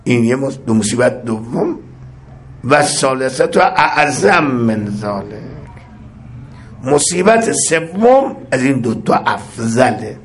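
A man's voice: medium pitch, sing-song, slight background noise. A male preacher giving a religious sermon. He recites Arabic prayer lines and then explains them, building to impassioned cries on repeated phrases.

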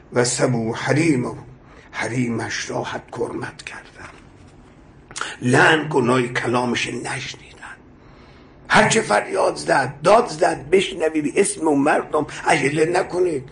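A man preaching a sermon with passion, reciting prayer lines and explaining them, his voice swelling to loud emphatic cries. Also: medium pitch, creaky, a little hiss or hum. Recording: echoey room.

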